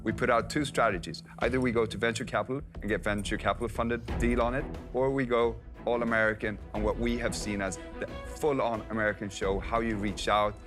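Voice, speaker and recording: Swedish-raised man pitching his business. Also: fairly even intonation, brisk, over music. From Sweden. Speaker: entrepreneur pitching on TV.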